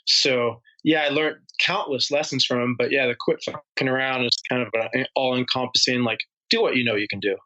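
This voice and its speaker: A man's voice: medium pitch, fairly even intonation, fairly quick, few pauses, pushed and bright, dull audio. A man guest on a podcast, telling stories casually, laughing easily and swearing now and then. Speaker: podcast guest, paragliding instructor.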